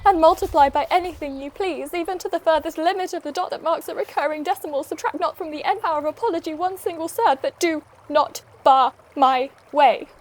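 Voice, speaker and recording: An actress playing a desperate, lovelorn young maiden with florid, theatrical delivery in comic operetta dialogue. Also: female voice, sits high, a little fast, few pauses, lightly acted. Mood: haughty. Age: young adult.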